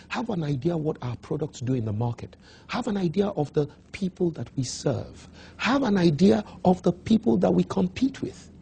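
A man's voice: on the high side, vocal fry, warm tone, husky. A man giving an emphatic coaching talk as a motivational speaker, repeating his key points.

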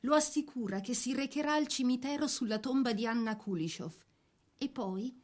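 A woman narrates a scripted biography for a radio drama, telling it in a measured, literary way. Her voice is a little high and a little mellow.

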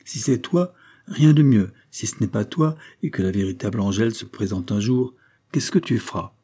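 A man's voice: on the low side, normal speed, mellow, slightly rough. A man reading aloud and voicing a frail, asthmatic old grandmother who speaks with earnest effort. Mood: pleading.

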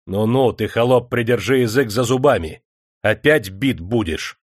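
A man playing a cruel, dry official who interrogates a prisoner in a slow, menacing way. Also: mid-range voice, sing-song, no room sound, close to an everyday voice.

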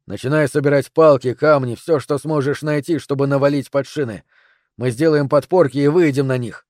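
A man's voice: mid-range voice, steady tone, fairly quick, a little mellow, no room sound, clean studio sound, natural voice. A man voicing a bossy, short-tempered grown man who gives orders.

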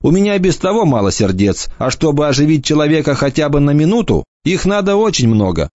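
A man's voice: a little high, very animated, brisk, darkish tone, dry recording, dull audio, pitched above the performer's own voice. A man voicing a sly, grumpy teenage boy who mocks and bosses the others, in an audiobook reading. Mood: mocking. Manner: mocking, bossy.

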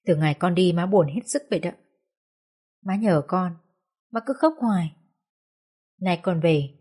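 A woman's voice: fairly low pitch, a little mellow. Woman voicing a tender mother pleading. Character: grieving poor southern mother, soft-hearted.

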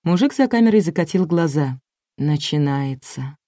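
Wry low-voiced woman narrating. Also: animated, normal speed, mellow, dry recording, studio quality. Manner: wry, ironic. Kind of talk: audiobook narration.

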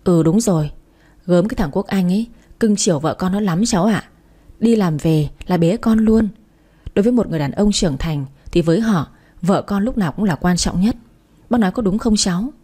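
A woman reading the part of a stern, scheming older mother-in-law who lectures and warns, in a dark, mellow voice. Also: medium pitch, fairly quick, husky, natural voice. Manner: lecturing, warning tone.

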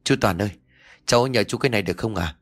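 A man's voice: fairly low pitch, very fast, close to an everyday voice. A man voicing a polite, earnest young village clerk who asks favors humbly. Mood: pleading.

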